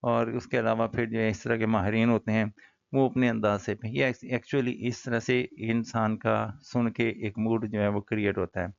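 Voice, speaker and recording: A male teacher with a Pakistani accent explains a poem, talking casually to his students and reading English lines slowly and carefully. His voice is low and gravelly. The recording is dry and dull. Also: little pitch movement, dry recording. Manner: mixes Hindi-Urdu explanation with slow English reading; casual, addresses students as brother. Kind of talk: classroom poetry lesson.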